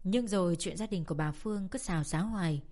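A woman narrating a family drama in a steady, expressive audiobook reading. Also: lowish voice, fast.

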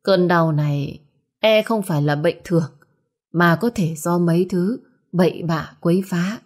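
A woman's voice: fairly low pitch, unhurried. A woman voicing a cautious, grave old village healer in a storybook.

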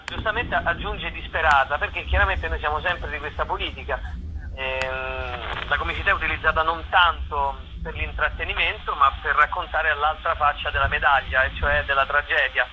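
In this radio interview, the actor-playwright talks through his show at a normal speed, his fairly high voice holding a steady tone. He tends to restart his phrases by repeating their beginnings. The background is noisy and the highs are cut off.

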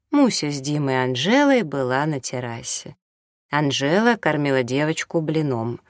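A man narrating an audiobook in a steady, even storytelling manner. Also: a little high, no room sound, clean studio sound.

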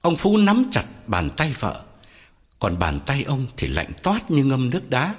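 A man narrating a ghost story in a dramatic, measured way. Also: medium pitch, huge pitch swings, breathy edge. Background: music.

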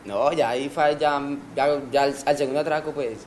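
A man's voice: a little high, fairly even intonation, moderate pace, darkish tone. A Colombian man in his early twenties being interviewed, telling a rambling street story full of slang and sound effects. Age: early 20s. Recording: noisy background.

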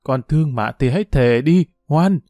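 A man's voice: medium pitch, normal speed, dark tone, dry recording, highs cut off, lightly acted. A man voicing a furious, screaming middle-aged peasant mother who threatens her daughter. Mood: bitter.

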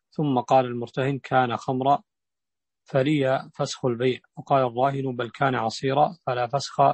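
A male student reads a classical legal text aloud in a measured, formal cadence. The recording is dry and close, with no room sound. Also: medium pitch, dry recording.

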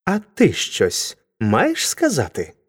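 A woman's voice: extremely low pitch, huge pitch swings, takes it slowly, slightly rough, pitched below the performer's own voice, exaggerated voice. A woman voicing an anxious young man who talks hesitantly and pleads. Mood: uneasy. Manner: hesitant, wheedling.

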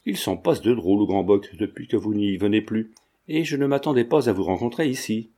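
Man doing a sly old man, hushed. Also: brisk, close to an everyday voice. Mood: scheming. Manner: lowered, conspiratorial speech.

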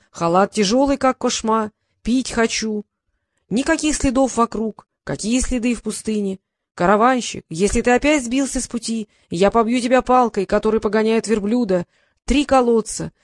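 A woman's voice: on the high side, dry recording, clean studio sound, lightly acted. A woman voicing a huge, vain male dragon who speaks grandly and a little bashfully. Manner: grandiose, declaiming.

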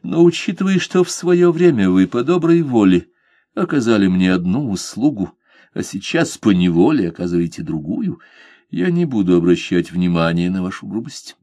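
A man's voice: fairly low pitch, normal speed, no echo. A man voicing a composed, courteous pirate captain who speaks with cool irony. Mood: ironic. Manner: calm, courteous, mocking. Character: calm, ironic pirate captain, male adult.

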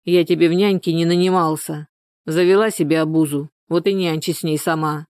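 A woman reading a storybook, voicing a blunt, surly village man in a curt, rough manner. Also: low voice, steady tone, fairly quick, a little mellow, dry recording, studio quality, natural voice. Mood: gruff.

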